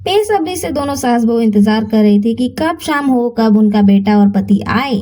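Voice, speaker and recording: High-voiced woman narrating a bedtime story. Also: animated, moderate pace, mellow, low-quality recording.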